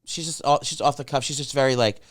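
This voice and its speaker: A man chatting casually as a guest, telling animated stories full of restarts. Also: mid-range voice, fast talker. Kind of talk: casual chat.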